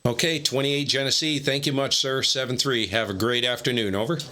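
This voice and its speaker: A man's voice: mid-range voice, steady tone, brisk, heavy background noise. A man making ham radio contacts, reading call signs in the phonetic alphabet and passing exchange numbers in clipped radio procedure that he ends with "over.". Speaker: ham radio operator streaming live.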